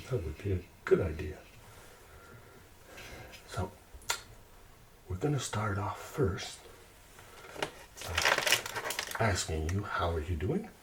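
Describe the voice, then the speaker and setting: A Quebec man with a lowish, slightly mellow voice chats at an easy pace while hosting an ASMR-style cooking video from his home kitchen. He talks to himself and poses questions to his viewers. The recording has a distant mic, clear noise, and clicking sounds.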